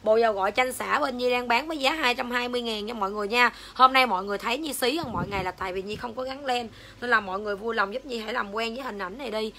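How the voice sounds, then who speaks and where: A woman's voice: on the high side, very fast, hardly any pauses, bright, forceful tone, slight background noise. A young woman with a Southern Vietnamese accent selling skincare on a livestream, switching between coaxing sales patter and foul-mouthed rants at commenters. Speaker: livestream seller.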